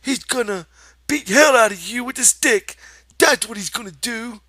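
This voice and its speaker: A man's voice: very high voice, moderate pace, pushed and bright, no echo, clean studio sound, pitched above the performer's own voice, full character voice. A man voicing a mean, scornful, foul-mouthed rabbit that jeers and scolds in a rural American accent. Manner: jeering, scolding.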